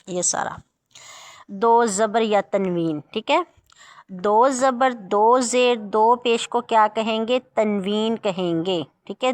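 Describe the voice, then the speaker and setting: A woman's voice: fairly high pitch, fairly bright tone, no echo. A woman teaching a Quran reading lesson, patiently repeating each question and answer. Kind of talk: religious lesson.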